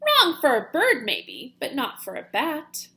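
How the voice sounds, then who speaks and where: A woman voicing a loud, matter-of-fact bat in a children's storybook, stressing words emphatically. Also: high voice, huge pitch swings, unhurried, creaky, heavily acted. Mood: blunt, correcting.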